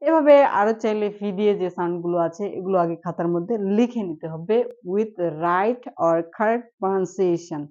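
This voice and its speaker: A woman teaching an online English pronunciation lesson, speaking slowly and deliberately and repeating each word for practice. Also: medium pitch, darkish tone, dull audio.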